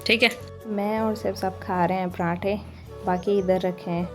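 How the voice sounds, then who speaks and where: A woman's voice: mid-range voice, fairly even intonation, a little slow. A woman vlogging casually at home, chatty and teasing, often breaking into laughs. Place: home kitchen and indoors. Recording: echoey room with music behind.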